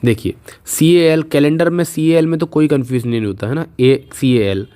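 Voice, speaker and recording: A man teaching English spelling in a casual video lesson, patiently repeating each question and answer and slowing down to spell words out letter by letter. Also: on the high side, dark tone, clean tone. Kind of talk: casual Hindi video lesson with memory tricks.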